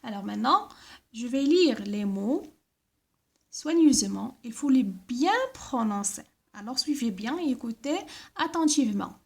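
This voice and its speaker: A woman's voice: a little high, expressive, creaky. A woman teaching a primary school class, reading instructions and spelling out letters and sounds, often checking with "d'accord?". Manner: slow, careful, repeats words and letters, frequent "d'accord?".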